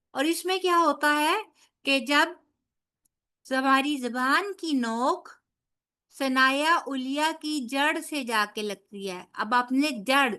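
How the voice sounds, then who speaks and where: A woman's voice: high voice, bright, forceful tone. A woman teaching tajweed, patiently modelling letter sounds and checking that students follow. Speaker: Quran recitation teacher. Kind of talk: tajweed lesson.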